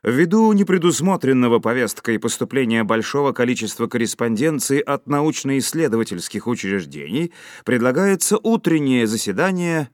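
A man voicing a pompous male chairman in an audiobook, with an even, measured, officious delivery. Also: mid-range voice, no room sound, clean studio sound, close to an everyday voice. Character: pompous imperturbable male chairman, cold and bureaucratic. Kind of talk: audiobook character voice.

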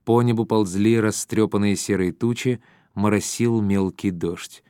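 A man reading an audiobook as the narrator, in a steady, measured way. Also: on the low side, clear, resonant tone, dry recording, clean studio sound. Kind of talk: scripted narration.

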